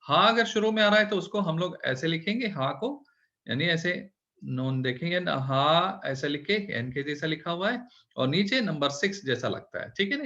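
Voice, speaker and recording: A man's voice: fairly high pitch, bright, forceful tone, lo-fi sound. A man teaching a beginners' script lesson, explaining letter shapes patiently and step by step. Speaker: Urdu teacher. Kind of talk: online language lesson.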